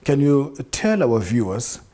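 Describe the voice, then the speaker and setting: A man's voice: mid-range voice, sing-song, a little slow, warm tone. A man hosting a studio interview, chatty and anecdotal, laughing easily. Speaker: interview host.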